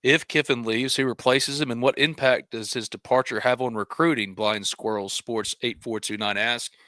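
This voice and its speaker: Host guy on a live sports stream, jokey, bright voice, dry close sound. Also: mid-range voice, fairly even intonation, moderate pace, dry recording. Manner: joking, reads viewer questions and sponsor thanks. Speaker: show host. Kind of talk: casual live sports talk.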